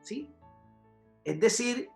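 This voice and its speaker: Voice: mid-range voice, very animated, extremely slow, creaky, darkish tone. A preacher delivering a sermon to a congregation, emphatic and full of rhetorical questions and repeated checks for agreement. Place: church sanctuary. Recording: roomy church hall with faint music.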